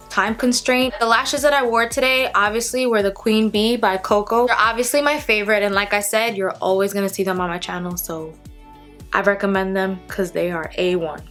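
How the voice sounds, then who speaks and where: A woman's voice: medium pitch, fairly bright tone. A woman chatting casually to her viewers as she gives a makeup tutorial in the style of a beauty vlogger. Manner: chatty, addresses viewers directly. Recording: music playing behind the voice. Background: background music.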